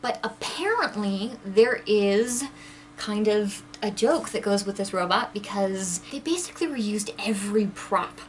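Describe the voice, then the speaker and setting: A woman's voice: mid-range voice, slight background noise. A woman chatting casually in a vlog, gushing and giggling as she talks to the camera. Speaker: book vlogger.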